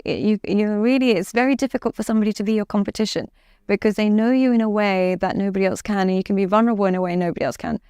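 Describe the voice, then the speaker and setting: A woman coach from Dubai talks with firm, confident emphasis, leaning on repeated key words. Her voice is smooth and resonant, and the sound is close and dry with no room echo. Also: mid-range voice, darkish tone. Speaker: relationship coach. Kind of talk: podcast interview.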